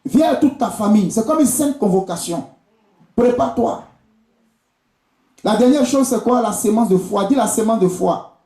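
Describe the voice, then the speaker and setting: A visiting preacher and prophet from Côte d'Ivoire, speaking with an Ivorian accent, delivers a charismatic sermon during a live service in an echoey indoor church hall. His high, dark-toned voice is animated and moderately paced with frequent pauses as he exhorts the congregation directly and repeats key phrases.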